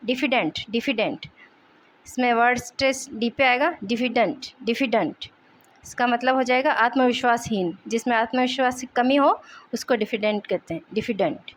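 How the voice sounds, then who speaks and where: High-voiced woman teaching vocabulary. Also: a little hiss or hum. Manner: repeats each word slowly, steady teaching pace. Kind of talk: explaining vocabulary in Hindi for exam prep.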